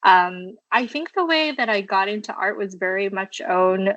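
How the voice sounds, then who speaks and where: A woman in her thirties from the Washington, D.C. area, telling her story as a podcast guest at home, thoughtful and casual with frequent ums and soft laughs. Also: medium pitch, expressive, normal speed, dull audio. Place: her childhood bedroom at home.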